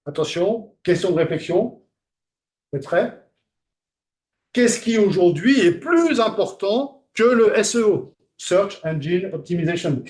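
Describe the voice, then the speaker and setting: High-voiced lecturer quizzing a class. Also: male voice, lively intonation, measured pace, a little mellow. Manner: conversational, questions the class, many fillers.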